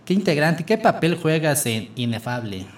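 A man's voice: on the high side, very animated, moderate pace. A man with a Mexican accent co-hosting a radio show in a casual, chatty way. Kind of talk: casual chat. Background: faint music.

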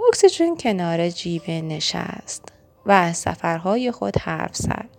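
A woman narrating a children's storybook in a gentle, expressive reading. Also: medium pitch.

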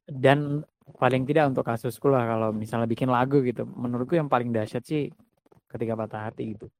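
A man talking about songwriting in a casual conversation, reflective and halting, restarting his sentences. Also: medium pitch, steady tone, a little mellow, slight background noise.

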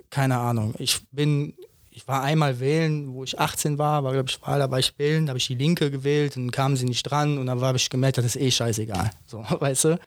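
Blunt and emphatic, this thirty-something podcast co-host keeps the casual conversation moving with rhetorical questions, tagging his points with "ne?". He speaks in a mid-range voice, and the studio-quality audio has no echo.

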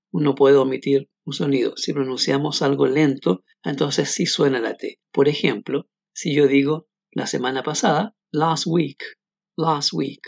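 A man teaching English pronunciation in a scripted podcast, explaining clearly and modeling words slowly. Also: on the high side, dry recording.

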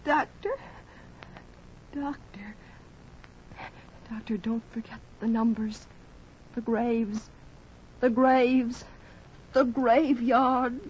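A woman's voice: a little high, fairly even intonation, drawn-out words, long pauses, a little mellow, slight background noise. An actress playing a young woman delirious with brain fever, chanting numbers in a feverish singsong, in 1940s radio acting on a muffled old transcription. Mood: fading.

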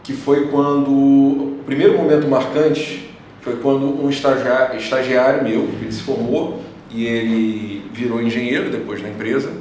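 A man's voice: medium pitch, a little mellow. A man speaking as a guest in a casual interview, telling his stories with frequent hesitant restarts. His voice bounces around a very echoey room. He sits back from the microphone, with faint noise underneath. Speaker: guest, engineer. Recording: roomy echo, distant from mic, faint noise.

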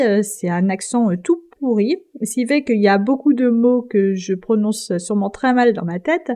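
Chatty young woman with a mellow voice. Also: a little high. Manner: chatty and self-deprecating, many fillers. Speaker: podcast host. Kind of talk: casual solo podcast chat.

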